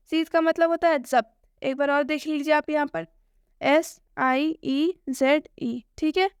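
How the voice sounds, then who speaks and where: A woman gives a spoken English lesson. She asks questions and answers them herself, and she repeats each point slowly. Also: high-pitched, dry recording, studio quality. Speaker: English teacher.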